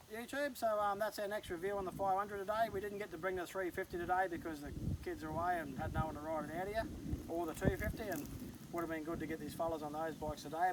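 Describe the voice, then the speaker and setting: A man hosting a casual outdoor interview, asking rambling, chatty questions. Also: on the high side. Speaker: host interviewing riders. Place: outdoors in the countryside. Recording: distant mic with faint outdoor noise.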